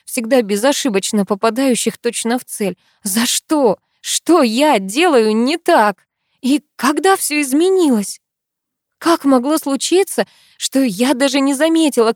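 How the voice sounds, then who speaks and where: A woman's voice: fairly high pitch, no room sound. Dry, close woman telling a tearful story. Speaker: audiobook narrator. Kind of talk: first-person emotional story reading.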